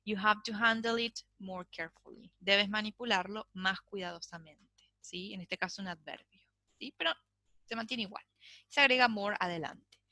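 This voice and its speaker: A woman teaches an English grammar lesson, her voice bright and clear. She explains step by step, pausing to check that students follow. The recording is dry and close. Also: mid-range voice, no room sound. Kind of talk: online class lecture.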